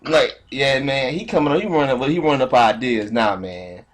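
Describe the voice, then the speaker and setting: A man's voice: mid-range voice, a little fast. A man hosting a casual podcast pre-show, slangy and laid-back. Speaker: podcast host.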